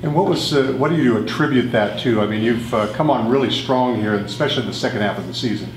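A man moderating a press conference, asking halting, measured questions with fillers. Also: medium pitch, echoey room, a little hiss or hum, rough recording.

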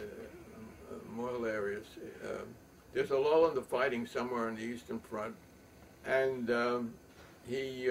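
Rambling older man, gravelly voice. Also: medium pitch. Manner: rambling, halting, many fillers. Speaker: show host. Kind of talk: rambling casual storytelling. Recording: distant mic with faint room noise.

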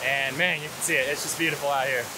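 A man's voice: fairly high pitch, steady tone. A man in his twenties with an American accent, talking casually as a hiking and photography guide outdoors on an action camera. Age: 20s. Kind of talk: casual vlog explanation. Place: outdoors in a canyon beside rushing water. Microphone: action camera at arm's length. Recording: hiss and loud rushing-water noise. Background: rushing water, hiss.

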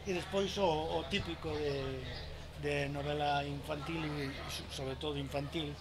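A middle-aged man, a bookshop manager, speaking in a street interview at an outdoor book fair stall, hesitant and halting with many repeated words. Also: on the high side, steady tone, noisy background. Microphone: handheld reporter mic.

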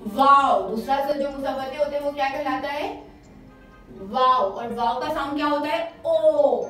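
A woman teacher gives a children's lesson, patiently repeating each sound loudly for pupils to copy. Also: high voice, fairly even intonation, fast talker. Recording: very echoey room, distant mic, faint music.

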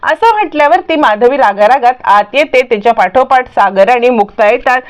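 High pitched lady recapping a tv serial, lively storyteller. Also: normal speed. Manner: lively storytelling, quoting characters. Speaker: narrator. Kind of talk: retelling a TV serial episode.

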